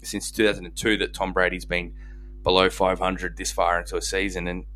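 A man's voice: low-pitched, level tone, brisk, a bit bright. A man with an Australian accent hosting a casual sports discussion podcast.

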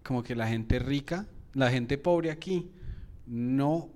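A man with a Bogotá Colombian accent co-hosts a loose comedy talk. He rambles and thinks out loud, often breaking into laughter, in a middle-pitched, unremarkable voice. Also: slow pace. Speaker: co-host. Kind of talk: casual comedy interview.

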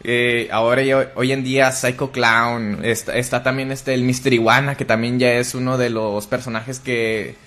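A man with a Mexican Spanish accent, a wrestler guest, chatting casually in a slangy, relaxed and animated way. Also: medium pitch, moderate pace, few pauses. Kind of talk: casual chat.

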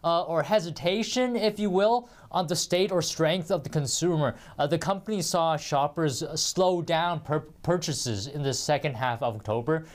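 A man, a business host, answering interview questions in a halting way with many fillers. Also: a little high. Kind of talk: live news interview.

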